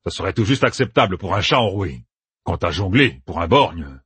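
A man voicing a grizzled one-eyed veteran soldier in an audiobook, grumbling out his objections in a plain, slightly husky voice. The recording is dry and close. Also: sits low, big pitch swings, moderate pace, fairly bright tone, dry recording, heavily acted.

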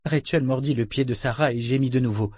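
A man reading a novel aloud as narrator, in a steady measured way. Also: mid-range voice, husky, no room sound, clean studio sound. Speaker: audiobook narrator. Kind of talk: scripted narration.

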